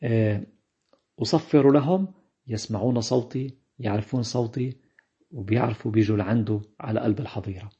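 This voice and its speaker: Slow, hesitant Lebanese preacher man. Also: on the low side, steady tone, mellow, husky, muffled recording. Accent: Lebanese Arabic. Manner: slow, unhurried, many hesitations. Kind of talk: Bible teaching in colloquial dialect.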